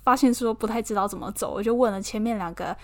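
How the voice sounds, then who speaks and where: A woman's voice: mid-range voice, fast talker. A woman from Taiwan with a Taiwanese Mandarin accent, chatting casually and expressively as a podcast host, laughing often. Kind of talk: casual personal chat.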